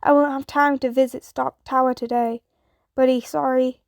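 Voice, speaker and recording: A teenage boy hero who keeps his tone casual while stress slips through, as a woman reads him out. The voice is high and bright in pitch, recorded dry and close. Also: level tone, normal speed, gravelly, no room sound. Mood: tense. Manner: tense, trying to sound casual.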